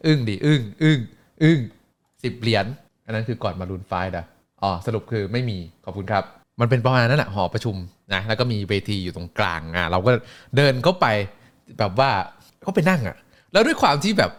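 Animated streamer man, lively pitch. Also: fairly quick. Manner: animated, crude slang, acts out voices. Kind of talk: casual storytelling chat.

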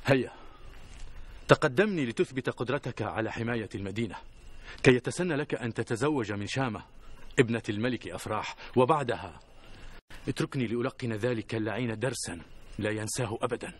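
A proud warrior chieftain played by a man in a historical television drama. His voice is husky and mid-pitched. He declaims formally, boasting and giving orders. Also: brisk, lightly acted. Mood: boastful, commanding. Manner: declamatory, commanding.

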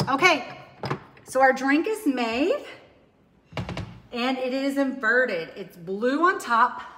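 A woman in her forties runs a casual live cooking demo, rambling cheerfully through a drink recipe at home and restarting often. Her slightly high voice sounds pushed and bright. It's recorded from a distance by an overhead camera, with the kitchen's long reverb echoing.

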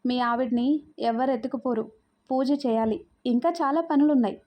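A woman's voice: sits high, steady tone, moderate pace, dull audio, lightly acted. A woman doing a nagging, suspicious sister-in-law.

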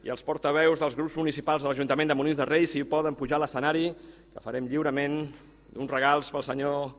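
A man's voice: fairly high pitch, flat delivery, fairly quick. Effusive male event presenter. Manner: formal, effusive announcing. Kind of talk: ceremony hosting.

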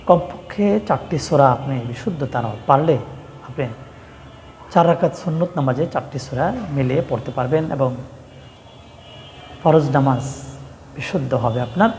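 A man with a Bangladeshi Bengali accent teaching correct Quran pronunciation, explaining sounds and chanting verses slowly. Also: a little high, darkish tone, long reverb tail, a little hiss or hum. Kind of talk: religious lesson with chanted recitation.

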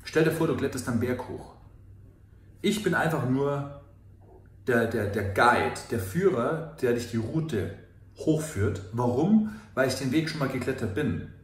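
A man speaking as a coach in a personal confessional monologue, earnest and emphatic, swinging between quiet reflection and loud outbursts. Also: mid-range voice, lively intonation, unhurried. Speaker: fitness and life coach. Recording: echoey room.

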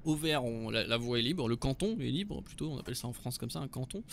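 A man at a mid pitch gives loose, joking commentary on his game. He rambles chattily, fills pauses and corrects himself as he goes. Faint noise sits in the background. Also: expressive, gravelly. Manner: chatty, joking, many fillers and self-corrections. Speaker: gaming video host. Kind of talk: casual let's-play commentary.

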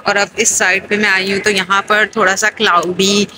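A woman's voice: medium pitch, little pitch movement, normal speed. A woman in her thirties chatting enthusiastically as she films a walking-tour vlog on a phone held at arm's length inside a large shopping mall. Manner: chatty, enthusiastic, narrating sights. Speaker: vlogger. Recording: noisy phone audio in busy mall. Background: mall crowd chatter and noise.

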